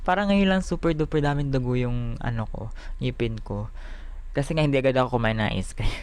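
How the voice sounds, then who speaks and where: A Filipino vlogger chatting casually in Taglish, giggly and animated, talking with missing front teeth. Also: mid-range voice, brisk, smooth, dry recording. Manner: talks with missing front teeth after an extraction; Taglish, mixing English phrases into Tagalog. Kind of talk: casual chatty daily vlog.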